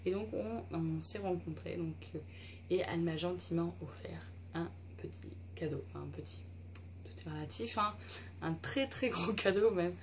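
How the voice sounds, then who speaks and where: A woman's voice: lowish voice, normal speed, a little hiss or hum. A woman vlogger talking casually through an unboxing, hesitant and full of fillers.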